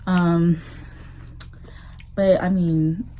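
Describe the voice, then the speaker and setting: Young american woman, lowish voice, chill slangy storytime chat. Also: level tone, very slow, dark tone, a little hiss or hum. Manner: laid-back, slangy. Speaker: vlogger. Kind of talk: casual storytime chat during a mukbang.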